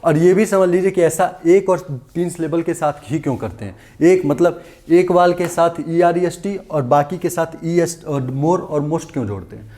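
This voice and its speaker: Man teaching grammar, mellow. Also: fairly high pitch. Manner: repetitive, asks and answers his own questions. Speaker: English teacher. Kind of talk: exam-prep grammar lesson. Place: classroom-style video lesson.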